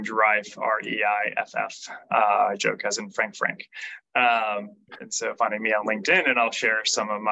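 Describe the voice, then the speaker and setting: Bright, gravelly-voiced man chatting casually. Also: on the low side, dull audio. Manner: relaxed, frequent fillers and restarts. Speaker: podcast guest, PR consultant. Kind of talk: casual interview talk.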